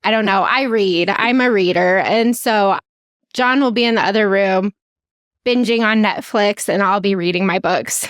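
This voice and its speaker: A woman's voice: mid-range voice, moderate pace, clear, resonant tone, dry recording. A woman co-hosting a podcast, chatting casually in a frank, dry way with loose restarts. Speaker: podcast co-host.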